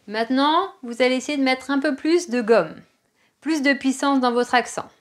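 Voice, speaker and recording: A woman's voice: high-pitched, normal speed. A woman with a French accent teaching an online dance class, calling out moves and counting the rhythm.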